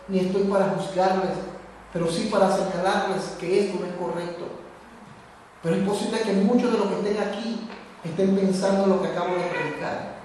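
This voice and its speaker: A man in his fifties gives an impassioned sermon, his voice set fairly high for a man. He speaks straight to the congregation. The sound is heavily echoey and comes from a mic well away from him, with a long reverb in the church hall. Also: darkish tone, distant mic, a little hiss or hum. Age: 50s. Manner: impassioned preaching, addresses the congregation directly. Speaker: pastor.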